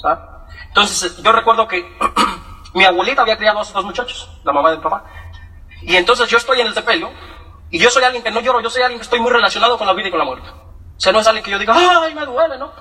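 A man with a very high, bright voice tells his life story at a fast clip. He is animated, slips into other people's voices and laughs a lot. The mic sits some way off, so he sounds a little distant. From Michoacán, Mexico. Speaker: testimony speaker. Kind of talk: personal testimonial storytelling.

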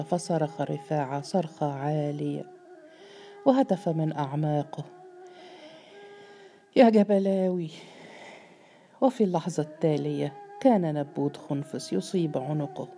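Dark, low-voiced woman narrating a novel. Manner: measured, dramatic reading. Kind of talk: scripted audiobook narration.

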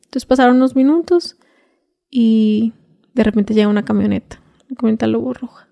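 A woman with a Mexican Spanish accent, a guest telling her own story in a conversational way, replaying the exchanges through quoted dialogue and at times dropping to a hush. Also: on the high side, fairly even intonation, brisk, vocal fry, no room sound, highs cut off. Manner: retells events through quoted back-and-forth dialogue, often 'le dije'. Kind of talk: conversational first-person account.

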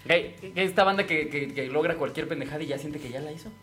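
A man's voice: a little high, fast. A man with a Mexico City accent, chatting casually and joking with plenty of slang and swearing. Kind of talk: casual comedic chat.

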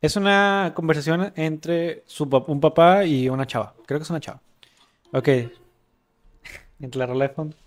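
A man's voice: fairly high pitch, normal speed. A young man with a Mexican accent, hosting a casual podcast, loose and joking, often laughing. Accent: Mexican Spanish. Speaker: podcast host. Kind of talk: casual chat, reading a story aloud.

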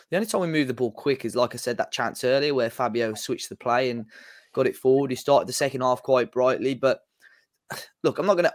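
A man on a casual football podcast, talking in a measured, hesitant way. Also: medium pitch. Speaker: podcast guest.

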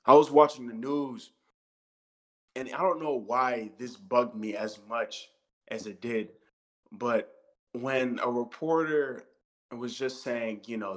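Heard over poor audio, a medium-pitched, fairly bright male voice carries a casual but fired-up podcast discussion. The speaker, an American co-host in his thirties, swears freely, repeats himself and leans hard on every point.

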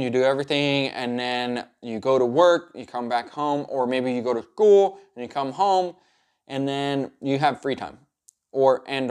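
A man's voice: mid-range voice, clear, resonant tone. A man coaching viewers in an upbeat, encouraging vlog style, laying out tidy instructional points and repeating some for emphasis. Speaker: self-improvement coach presenting a video series. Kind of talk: structured advice vlog talking to viewer.

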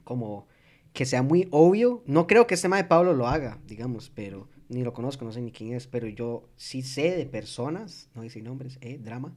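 A man's voice: mid-range voice, a little mellow. A young man with a Costa Rican accent chatting casually with friends, slangy and loose, dropping English swear words into his talk. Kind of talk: casual group chat.

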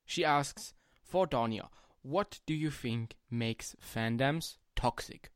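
A man's voice: medium pitch, smooth, dry recording, clean studio sound. A man co-hosting a podcast, reading out listener questions in casual chat and laughing often. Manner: slow, measured, laughs often.

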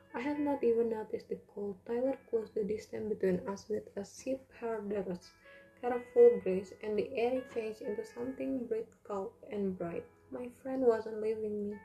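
A woman's voice: a little high, fairly even intonation, normal speed, warm tone, faint music behind, poor audio. A woman reading a first-person novel aloud as an audiobook, telling it in an earnest, emotional way. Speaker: audiobook narrator.

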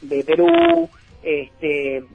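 A man's voice: very high-pitched, wildly swooping pitch, drawn-out words, vocal fry, over loud music. A man, a guest on a radio show, talking through bands with many fillers and restarts. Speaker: music label guest. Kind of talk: radio interview talk. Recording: dull lo-fi radio sound.

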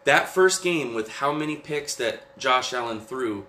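A man talking football casually as a podcast host, halting and repeating himself, opinionated and loose with swearing. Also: medium pitch, expressive, bright, forceful tone. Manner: halting, repetitive, profane, opinionated. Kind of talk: casual football recap chat. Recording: roomy echo, faint background noise.

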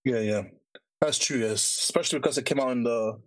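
A male podcast host speaks in a slangy urban London roadman accent. His pitch is average for a man and he chats casually, recorded dry without room echo. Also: a little fast.

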